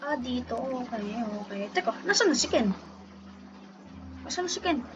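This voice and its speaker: A woman's voice: high-pitched, animated, moderate pace, noisy background. A woman casually commenting on her game, playfully teasing and calling out to her fellow players. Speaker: gameplay video host. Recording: dull lo-fi sound with music behind. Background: background music.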